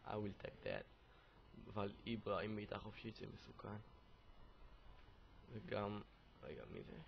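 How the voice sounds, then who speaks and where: A young Israeli man with a sarcastic wit, commenting on a football video game and bursting into excited yells. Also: lowish voice, vocal fry, muffled recording, slight background noise. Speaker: gaming video host.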